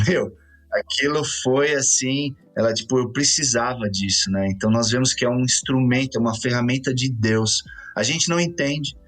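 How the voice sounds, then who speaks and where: A man with a Brazilian Portuguese accent, a pastor co-hosting a podcast, reflecting calmly in casual chat and often tagging his sentences with "né". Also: medium pitch, normal speed. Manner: reflective, frequent "né" tags.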